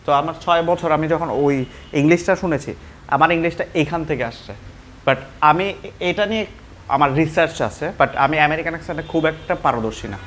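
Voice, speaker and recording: A man's voice: fairly high pitch, moderate pace, fairly bright tone, slight background noise. Man teaching English pronunciation. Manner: switches between Bengali and English, demonstrates words repeatedly. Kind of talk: explaining pronunciation, mixing Bengali and English.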